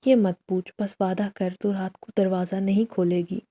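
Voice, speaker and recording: A woman voicing a weary, secretive poor mother in a storybook tale, speaking in a soft, resigned, warning way. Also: medium pitch, steady tone, natural voice.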